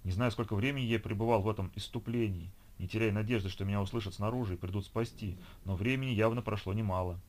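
In this scripted narration, a male audiobook reader delivers the text steadily and evenly, his voice pitched on the low side.

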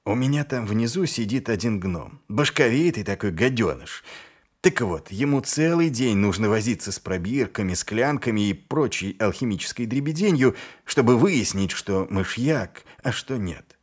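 A man voicing a gruff, sly middle-aged male watch commander who speaks with dry, mock-innocent menace. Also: lowish voice, expressive, normal speed.

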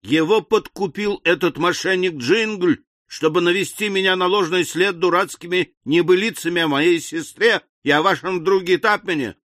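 A man's voice: animated, normal speed, pushed and bright, no room sound, studio quality. A man doing a stout, hot-tempered old squire. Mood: furious. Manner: booming, commanding.

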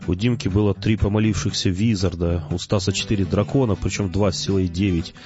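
A man narrating a story in the first person, measured and quietly wry. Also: deep voice, fairly even intonation. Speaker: audiobook narrator. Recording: slightly dull, faint music underneath.

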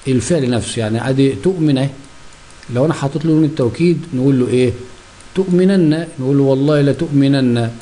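A man with an Egyptian Arabic accent gives a grammar lesson at a brisk clip. His voice is dark and mellow. He keeps putting questions to the class and answering them himself. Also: medium pitch, steady tone.

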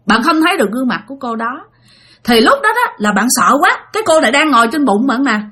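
Southern Vietnamese woman narrating a ghost tale, bright lively voice, a bit husky. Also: sits high, fast talker. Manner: animated, addresses listeners directly. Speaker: storyteller. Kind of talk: spoken ghost story narration.

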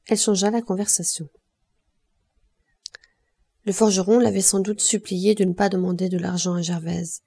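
A woman narrates a classic novel in a measured, expressive audiobook reading. Her voice is dark and mellow, with a gravelly fry, and her pitch sits in the middle range. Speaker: audiobook reader.

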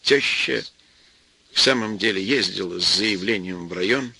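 A man reading an audiobook aloud, telling the story in a lively, expressive way. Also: lowish voice, normal speed, creaky, very noisy. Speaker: audiobook reader. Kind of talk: scripted narration.

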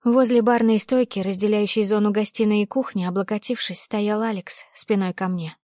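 A woman reading a first-person story aloud as an audiobook narrator, in a steady, measured storytelling manner. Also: medium pitch, no echo, clean studio sound.

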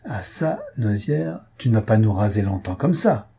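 A man's voice: on the low side, very animated, normal speed, creaky, mellow, slight background noise. A man reading the part of a mocking, brash young male student who hosts a rowdy gathering in a storybook. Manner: scornful, brash.

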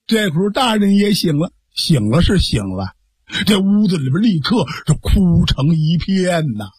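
A male storyteller with a high, husky voice narrating a traditional tale, lively and vivid with spoken sound effects. The recording is dry and close. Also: normal speed, no echo. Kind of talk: traditional Chinese storytelling (pingshu).

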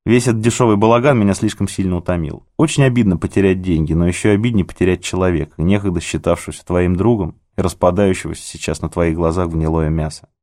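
A man's voice: deep voice, quick pace, hardly any pauses, mellow. A man reading a novel aloud in the first person, with a cynical, sardonic delivery. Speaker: audiobook narrator. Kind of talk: scripted first-person narration.

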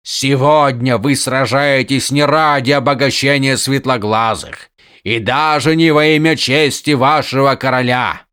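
A man's voice: fairly high pitch, expressive, extremely slow, few pauses, pushed and bright, clean tone, no echo, clean studio sound, full character voice. A man voicing a stern aging warlord who addresses his troops in a commanding, declamatory way. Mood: rousing.

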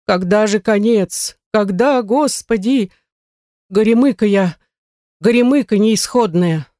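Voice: medium pitch, measured pace, darkish tone, no echo, clean studio sound, close to an everyday voice. A reader voicing a wordy, self-pitying middle-aged male shoemaker in an audiobook, complaining at length. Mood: lamenting. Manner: lamenting, long-winded. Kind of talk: audiobook character reading.

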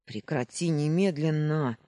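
A woman's voice: sits low, unhurried, no room sound, clean studio sound. A woman voicing a stern commanding young man. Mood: angry. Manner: angry, forceful orders.

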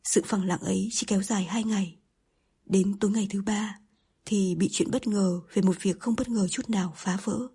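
A woman narrating a novel in a calm, soft audiobook reading. Her voice is very breathy, almost whispered, and mellow in tone. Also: medium pitch, normal speed. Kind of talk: scripted narration.

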